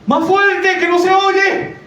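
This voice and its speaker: A shrill, insistent old church lady, well over sixty, hollers in a high voice, as a man preacher puts her on. The sound is very echoey and heard from a distance, with a faint hiss underneath. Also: little pitch movement, slow pace, dull audio, exaggerated voice. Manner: shouting high and loud.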